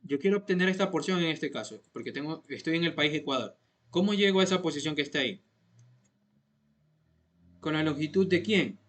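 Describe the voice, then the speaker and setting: This male programming instructor sounds on the high side, animated and fairly bright, talking briskly but with long pauses. He guides students through code one step at a time, like a classroom lesson, repeating points patiently and checking they keep up.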